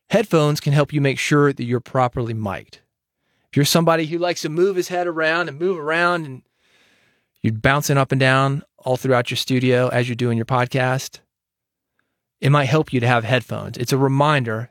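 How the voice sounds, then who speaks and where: A man hosts his own solo podcast, giving direct, confident advice into a studio microphone. His voice sits on the high side, and the recording has no echo.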